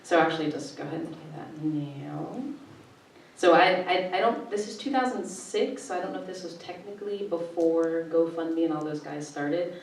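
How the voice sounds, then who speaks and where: Low-voiced woman on a far, echoey mic. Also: moderate pace, vocal fry, slight background noise. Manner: relaxed, conversational, presenting slides. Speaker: panelist, filmmaker and festival director. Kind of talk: panel talk with slides. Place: art gallery. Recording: echoey gallery room from far off.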